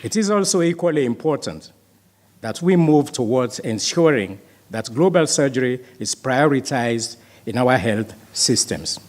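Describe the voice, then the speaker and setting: Male speaker, formal measured address, mid-range voice. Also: medium pitch, animated. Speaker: conference speaker. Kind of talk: formal prepared speech.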